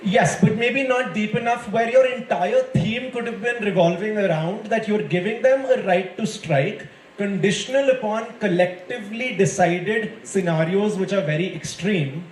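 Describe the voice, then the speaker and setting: A man's voice: high-pitched, moderate pace. A man with an Indian accent, judging a debate and giving students encouraging, conversational feedback in an impromptu speech. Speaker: debate judge. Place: indoor school event space with audience. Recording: echoey hall, faint crowd and noise.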